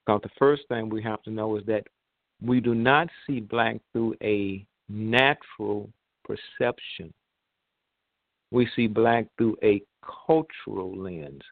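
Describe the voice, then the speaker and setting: A man hosting an online radio talk show, heard over a phone line, speaking in a measured way with pauses and fillers. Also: fairly low pitch, vocal fry, no room sound. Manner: measured, pausing, with many fillers. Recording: tinny, dry phone line.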